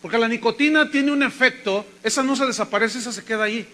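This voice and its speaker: Bright, high-voiced pastor preaching. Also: male voice, fast. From Mexico. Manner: storytelling, acting out the people he quotes. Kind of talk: sermon.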